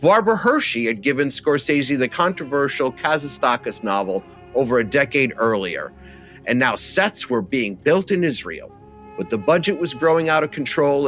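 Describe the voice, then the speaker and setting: This podcast co-host discusses films and reads out copy, his medium-pitched voice slightly bright. He chats with wry, theatrical flourishes.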